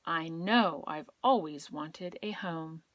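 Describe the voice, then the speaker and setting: A woman's voice: sits low, takes it slowly, a bit bright, no room sound. Corduroy, an innocent little toy bear voiced by a woman, read to a toddler. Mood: contented. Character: small male toy bear, wistful, wondering, innocent.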